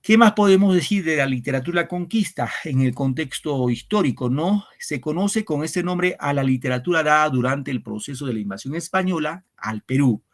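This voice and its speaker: A male teacher, giving an online class and explaining step by step, counting aloud and checking in with his students. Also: a little high. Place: home setup for an online class.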